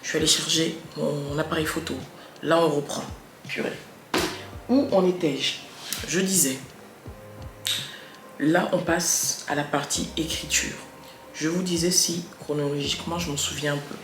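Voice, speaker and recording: A woman's voice: deep voice, steady tone, unhurried, long pauses, faint music behind. A mother chatting to camera with parenting tips, correcting herself as she goes and articulating with emphasis. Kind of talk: casual chat to camera. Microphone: wireless earbud. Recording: echoey room, faint background noise.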